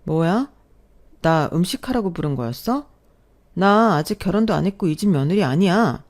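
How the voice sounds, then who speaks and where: A woman playing an indignant young bride-to-be who pushes back hard and protests every slight. Her voice is mellow and warm, set in an ordinary middle pitch. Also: animated, normal speed, natural voice.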